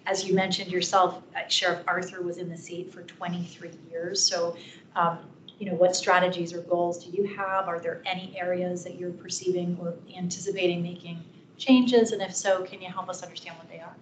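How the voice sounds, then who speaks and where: A woman's voice: fairly low pitch, flat delivery, a little fast, slight background noise. Polite woman chairing a meeting, echoey. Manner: polite, invites and poses questions. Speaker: commission chair. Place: council meeting room. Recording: echoey room.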